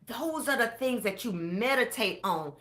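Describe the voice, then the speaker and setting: A middle-aged woman coaching listeners on their spending, with a fairly high voice. Her tone is bright and forceful, preachy and exuberant. She swings from hushed tones to loud cheers. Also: expressive, a little slow. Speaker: budget coach. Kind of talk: motivational coaching talk.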